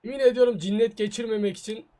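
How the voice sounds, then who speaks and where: A gaming YouTuber reacts to his own soccer video game match as live gameplay commentary, muttering in frustration and taunting his opponent. His voice sits high and is mellow, with a steady tone and a fast pace.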